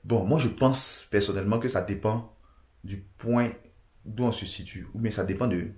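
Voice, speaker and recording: A man's voice: on the low side, moderate pace, a little mellow, echoey room. A man from Côte d'Ivoire giving casual immigration advice to camera, hesitant, with many restarts and fillers.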